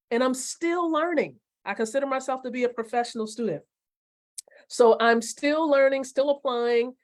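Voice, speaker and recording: A woman in her forties gives a motivational lesson on a live stream. Her voice sits a little high, and she stresses key phrases by repeating them slowly. She keeps asking her viewers questions. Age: 40s. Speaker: network marketing coach.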